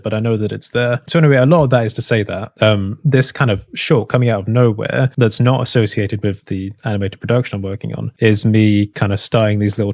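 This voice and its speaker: This is a man with a fairly low voice, hosting his own video channel in a loose, thinking-out-loud monologue. He drifts from one idea to the next in a reflective way and swears now and then. The sound is close and dry, with no room echo. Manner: rambling and introspective, drifts between ideas, occasional swearing. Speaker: channel host. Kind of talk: casual reflective vlog monologue.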